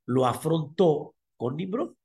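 A male rabbi with a Mexican Spanish accent delivers a sermon in an emphatic, storytelling way. His voice sits a little on the high side, and he drives points home by repeating key words, pausing now and then to clear his throat. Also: lively intonation, a little mellow.

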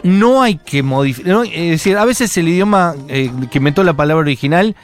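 Man, Argentine accent, fairly high voice, casual radio host, playful and chatty, faint music behind. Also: lively intonation. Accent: Argentine Spanish. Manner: chatty, playful, quick to jump in. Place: radio studio.

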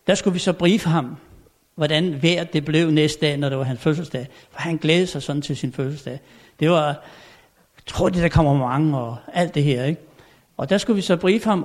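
An older man, a former royal valet, giving an anecdotal storytelling lecture at a country inn. He acts out quoted dialogue and often pauses to hesitate. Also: on the high side.

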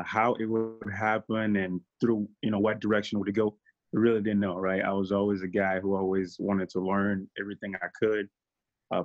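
A man in his late twenties speaks English with a Togolese accent, French being his first language. His voice sits on the low side with little melodic movement. He talks conversationally as an interviewee, on a slightly dull recording. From Togo. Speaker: podcast guest. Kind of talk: casual interview answers.

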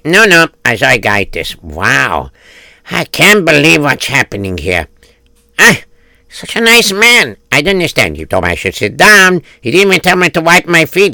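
Poor beggar, played by a man, raised pitch, gravelly, stammers and pleads. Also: bright, forceful tone, no echo, heavily acted. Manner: stammering, pleading, hums to himself.

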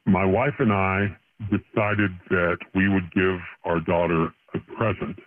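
A man's voice: sits low, fairly even intonation, measured pace, no echo. A man calling in to a radio show, his voice disguised by a voice changer, telling a personal story earnestly with stumbles and restarts. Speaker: caller. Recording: voice-changed phone-line call.

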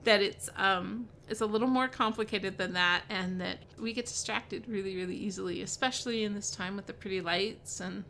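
A woman's voice: mid-range voice, a little fast, gravelly, few pauses, pushed and bright, slight background noise. A woman hosting a devotional podcast, chatting casually about a Bible passage with lots of fillers, restarts and "right?" tags. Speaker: podcast host and Bible teacher.

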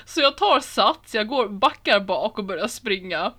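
A young woman chatting casually and acting out the people in her stories. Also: medium pitch. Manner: animated storyteller, acts out quotes. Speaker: reality show contestant. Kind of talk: casual podcast chat.

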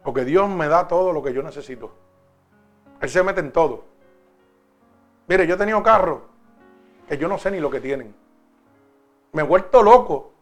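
Man, high voice, preaching, drawn-out emphatic phrases, soft music underneath. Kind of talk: sermon.

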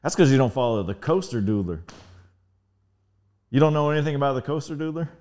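A man from Northern Virginia, a podcast guest, talking in a laid-back, halting way with lots of fillers. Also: mid-range voice, expressive, a little mellow. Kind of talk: casual interview chat.

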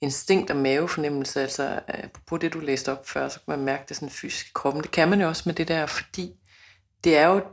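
A woman with a very low voice talks in a relaxed, thoughtful way. She builds long sentences as she reflects, with a calm, unhurried delivery. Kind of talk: casual conversation.

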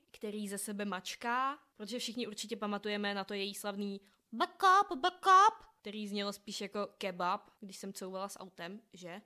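A woman's voice: medium pitch, fairly bright tone. A young woman hosting a podcast alone, telling stories in a chatty, self-ironic way. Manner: chatty, self-ironic, laughs at her own jokes. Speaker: podcast host. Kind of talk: casual storytelling monologue.

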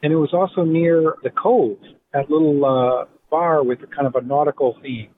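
A middle-aged man with a Rhode Island accent tells relaxed, rambling stories as an interview guest. His voice sits a touch high for a man. It comes through a thin, tinny phone line with a faint hiss underneath. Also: moderate pace. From Providence, Rhode Island. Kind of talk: casual reminiscing interview.

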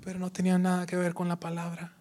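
A man preaching a sermon as pastor, swinging from loud, animated delivery to hushed near-whispers and mocking imitations of others. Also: high voice, quick pace. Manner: acts out quoted voices mockingly.

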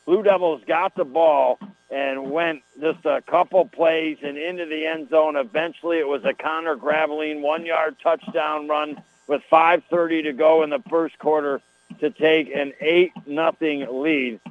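A man announcing a live high school football game over AM radio, in a folksy, chatty way as he rattles off scores and plays. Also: fairly even intonation, a little slow, dry recording. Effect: AM radio broadcast sound. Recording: tinny, dry AM radio line.

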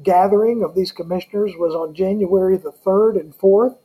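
High-pitched Southern US man, mellow voice. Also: rough recording. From Southern United States. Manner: halting, with frequent hesitations. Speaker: guest, Salvation Army colonel. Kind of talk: conversational interview answers.

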